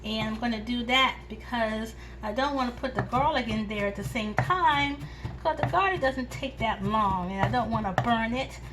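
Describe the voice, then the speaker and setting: A woman with a slightly high voice talks through a recipe in her home kitchen, easygoing and chatty. A faint ambient hum sits behind her. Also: moderate pace. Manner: chatty and homey, talks viewers through each step. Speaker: home cooking channel host. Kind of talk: casual cooking demonstration.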